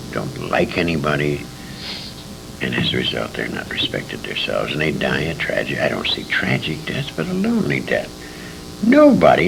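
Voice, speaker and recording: An older American man, a veteran radio performer, looks back on his career in an interview, speaking with vocal fry. He tells anecdotes emphatically, acting out quoted dialogue and repeating words for emphasis. The source is a noisy 1980s convention interview tape with rumble.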